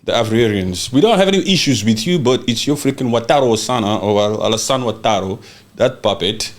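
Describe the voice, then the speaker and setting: A man from Congo hosting a heated political talk show. His pitch swings widely as he jumps between fierce outbursts and lower asides. He is forceful and insistent, and he keeps checking that his audience is following him. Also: animated, a little fast. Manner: fiery, emphatic, swears and repeats "you understand?". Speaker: podcast host.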